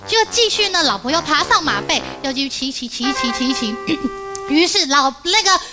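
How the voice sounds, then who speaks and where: Woman, high voice, animated joke teller on a TV comedy show, music in the background. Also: brisk. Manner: animated storyteller, acting out the husband's anger. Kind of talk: telling a joke on a TV variety show.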